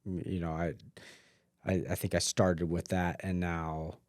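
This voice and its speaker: A man talking casually as a podcast guest, rambling with many fillers and often trailing off quietly. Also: low-pitched, little pitch movement, unhurried, no room sound, studio quality. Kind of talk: casual conversation. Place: mountain home.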